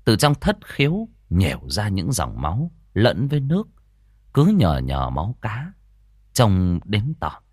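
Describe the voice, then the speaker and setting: A man, telling a village tale in a lively, folksy way. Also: on the low side, unhurried, husky, no room sound, clean studio sound. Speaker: storyteller. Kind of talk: audiobook narration.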